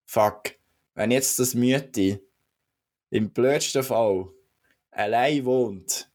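A man from Switzerland with a Swiss German accent, co-hosting a casual podcast chat and telling a story with lively acted-out moments. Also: mid-range voice, slow. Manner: animated storytelling, acts out shouting. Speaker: podcast co-host.

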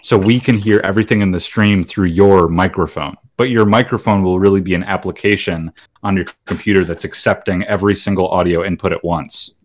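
Man, podcast co-host, casual chat, fairly low voice, patient explainer, joking. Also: fairly even intonation, brisk.

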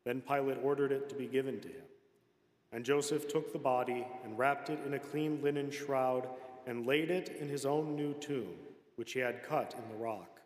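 A man reads scripture aloud in a solemn, measured way, never hurrying. His voice sits at an ordinary middle pitch. It rings through a large hall, trailing a long reverb. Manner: measured, unhurried reading. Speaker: scripture reader. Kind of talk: solemn public scripture reading.

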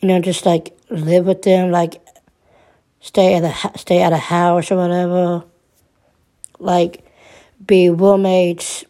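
A woman in her twenties talking through her troubles in a personal monologue, halting and subdued, restarting and repeating her words often. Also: lowish voice, little pitch movement, warm tone. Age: 20s.

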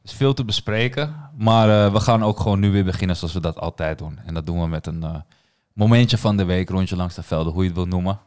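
Young man, podcast host, easygoing slangy banter, low smooth voice. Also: fast talker, few pauses. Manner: relaxed, slangy, peppered with "nice" and "man". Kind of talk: casual football podcast chat.

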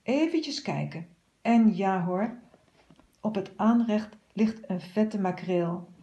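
A woman's voice: mid-range voice, expressive, slow pace, warm tone, highs cut off. A woman voicing an easygoing, greedy male house cat in a storybook, with a lazy, self-satisfied manner. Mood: scheming.

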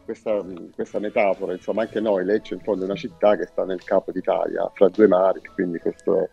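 Low-pitched man, dull audio. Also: flat delivery, vocal fry, breathy edge. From Salento, southern Italy. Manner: hesitant, with frequent pauses and searching repetitions. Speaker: musician guest. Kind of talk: casual radio interview. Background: music.

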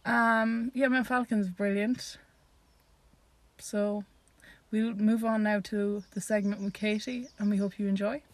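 A woman's voice: mid-range voice, fairly even intonation, measured pace. A young woman with an Irish accent, chatting casually as a podcast co-host. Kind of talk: casual chat. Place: outdoors on a walk in woods.

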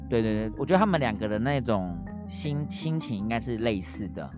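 A woman's voice: very deep voice, lively intonation, fairly quick. A woman, co-hosting a casual chat, attentive and asking follow-up questions. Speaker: podcast co-host. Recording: dull sound with loud music behind.

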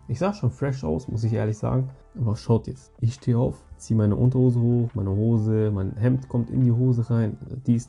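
A man's voice: medium pitch, creaky, mellow, husky. A young man hosting a podcast alone, telling stories casually in slang. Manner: slangy, rambling, addresses listeners directly. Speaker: podcast host. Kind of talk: casual storytelling monologue.

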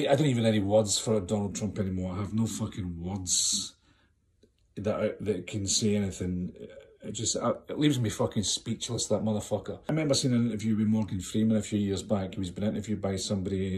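A man in his fifties, a filmmaker and actor ranting on his podcast, passionate and swearing a lot, in a poor-quality recording made with the camera set too far away. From Scotland. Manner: impassioned, heavy swearing, rhetorical questions. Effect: low-quality sound from a camera set too far away. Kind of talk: raw unscripted monologue rant. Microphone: camera microphone, not close.

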